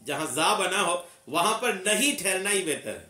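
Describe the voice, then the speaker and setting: A man's voice: high voice, sing-song, normal speed, sharp tone, roomy sound, recorded from a distance. A man teaching Quran recitation, explaining patiently, repeating key points and asking and answering his own questions. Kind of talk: religious lesson.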